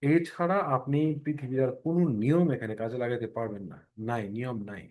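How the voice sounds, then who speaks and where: A man's voice: mid-range voice, lively intonation, a little fast, a little mellow. A man teaching English pronunciation in an online class, explaining step by step and checking that students follow. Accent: Bangladeshi Bengali.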